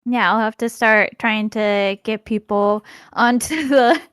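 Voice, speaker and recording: A woman's voice: on the high side, takes it slowly, fairly bright tone, clear, resonant tone, dry recording, clean studio sound. A woman chatting as a guest on a podcast, talkative and laughing often between phrases. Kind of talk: casual podcast chat.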